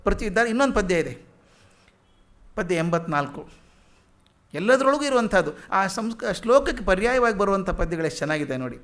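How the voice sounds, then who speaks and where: A man with a fairly high voice lectures in a hall. He recites verses slowly, then unpacks them in plain conversational talk, posing questions to his listeners and answering them himself. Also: sing-song, fairly bright tone. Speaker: lecturer on philosophy. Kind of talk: public lecture explaining verses.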